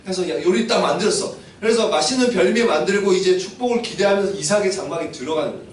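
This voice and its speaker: Brief: high, lively male pastor, fast storyteller, echoey distant church mic. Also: slight background noise. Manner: animated, asks listeners questions, acts out scenes. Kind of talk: youth sermon, storytelling. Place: church hall.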